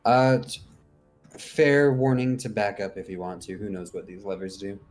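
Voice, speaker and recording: A man's voice: lowish voice, steady tone, normal speed, darkish tone, faint music behind. A man playing a tabletop game, chatting casually in a dry, wary way, with faint background noise.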